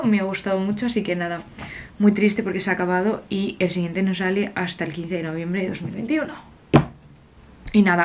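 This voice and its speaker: Chatty young woman, slightly husky. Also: mid-range voice, slight background noise. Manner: chatty, self-mocking, upbeat. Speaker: vlogger. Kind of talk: casual vlog chat to camera. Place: her bedroom, indoors. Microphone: camera at arm's length or on the desk.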